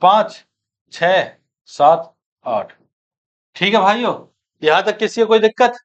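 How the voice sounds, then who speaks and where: A high-voiced man teaches an exam-prep maths class, talking through each calculation aloud, quizzing his students and then answering himself while calling them friends and brothers. He's animated but takes it slowly. The sound is dull and muffled.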